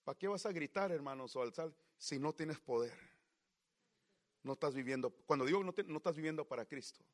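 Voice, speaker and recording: A man preaching a sermon with passion, swinging from loud outbursts to low, quiet murmurs. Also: fairly quick.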